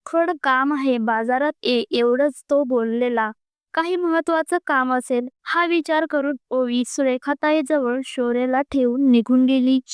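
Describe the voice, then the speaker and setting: A woman reading a serialized story aloud in steady storytelling narration. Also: sits high, clear, resonant tone, dry recording, studio quality.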